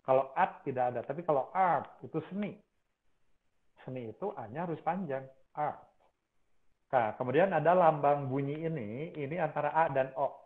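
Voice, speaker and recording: A man's voice: on the high side, moderate pace. A male university lecturer, explaining phonology and repeating example words over and over. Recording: tinny phone-like sound.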